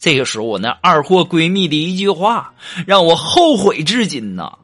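Joke-show host, a man, pitched a bit high, his voice leaping all over as he tells stories, then drops quiet for asides before loud punchlines. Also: sing-song, moderate pace, soft background music. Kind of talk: comedic joke storytelling.

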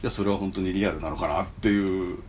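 Interviewer guy, lowish voice, stops and starts a lot, keeps saying um and uh. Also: fairly even intonation, a little mellow, slight background noise. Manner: halting, searching for words with many fillers. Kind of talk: conversational interview.

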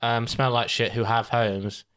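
A man's voice: medium pitch, flat delivery, unhurried, a bit bright, clear, resonant tone. A young man, co-hosting a casual chat and rambling, swearing and laughing as he goes. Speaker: podcast co-host.

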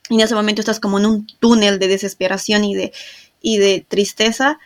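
A woman's voice: mid-range voice, flat delivery, a little fast. A woman hosting a podcast, earnestly sharing a hard personal experience in casual, candid talk. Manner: earnest, candid, with frequent fillers. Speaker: podcast host. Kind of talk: emotional personal storytelling.

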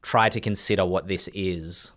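A man narrating a tabletop game as its game master, often pausing as he searches for words. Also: low-pitched, fairly even intonation, a bit bright. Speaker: game master and podcast host.

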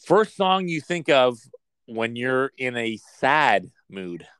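Very animated yet slow-paced, this man's clean, fairly bright mid-range voice drives a playful podcast chat he co-hosts. Now and then he jokingly slips into a mock ad-announcer voice.

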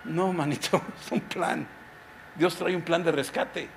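A middle-aged pastor from Mexico, preaching a sermon emphatically and throwing rhetorical questions at the listener. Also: male voice, a little high, fairly even intonation, unhurried, vocal fry, slight background noise.

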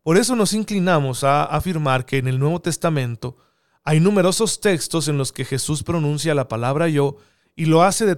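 A man's voice: fairly high pitch, clear, resonant tone. A man giving an earnest theological teaching talk, often asking rhetorical questions. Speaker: preacher.

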